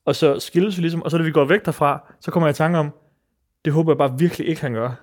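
A man's voice: fairly high pitch, darkish tone. A young man co-hosting a podcast in a loose, chatty way. He tells stories and teases his co-host. He swears offhandedly. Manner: storytelling, teasing, swears casually. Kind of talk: casual chat.

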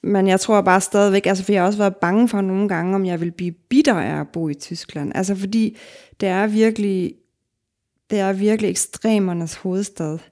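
A woman's voice: medium pitch, fairly even intonation, darkish tone. Reflective middle-aged Danish woman, rambling. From Denmark. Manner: reflective, talks in long winding sentences with many fillers. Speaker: guest author. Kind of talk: casual podcast conversation.

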